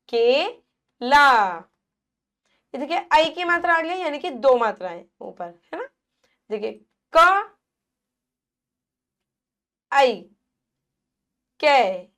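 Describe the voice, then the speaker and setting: A woman teacher giving a children's grammar lesson. She sounds out syllables slowly and draws them out, and she asks questions and then answers them herself. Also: high-pitched, a bit bright. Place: classroom. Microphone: device at a smart screen.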